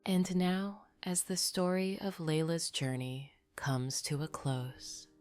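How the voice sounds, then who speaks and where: A woman reading scripted sleep stories in a soft, breathy, half-whispered voice, soothing and gently guiding the listener toward rest. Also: deep voice, little pitch movement, slow. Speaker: sleep story narrator. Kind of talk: scripted bedtime sleep story narration. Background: background music.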